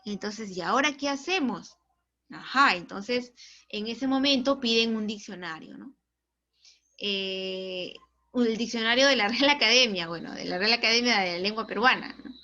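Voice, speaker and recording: Woman literature teacher, animated storyteller, bright tone, muffled lo-fi audio. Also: fairly high pitch, normal speed. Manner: animated, tags questions to students. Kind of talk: storytelling lesson. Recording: dull lo-fi recording.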